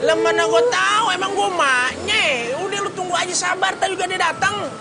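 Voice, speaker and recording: An actor playing a grumbling, teasing neighbourhood uncle with a Jakarta accent in a TV comedy-drama. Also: male voice, very high-pitched, animated, brisk. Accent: Betawi Jakarta. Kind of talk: scripted TV comedy-drama acting. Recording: loud street noise and crowd.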